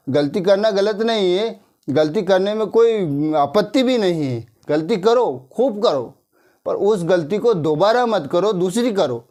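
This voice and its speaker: The high-pitched, darkish voice belongs to an Indian male English teacher giving a casual grammar lesson. Repeating tag questions to check in with listeners, he tells a moral story and eases his speed when dictating.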